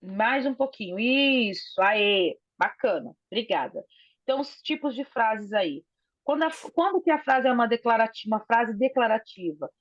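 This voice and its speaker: A woman teacher talks a class through a lesson on a video call. Her voice sits fairly high and comes through a phone mic, so it sounds dull and lo-fi with no room echo. She explains step by step and keeps checking in with "né?". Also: animated, moderate pace. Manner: explanatory, often adds "né?". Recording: dull lo-fi phone audio, dry.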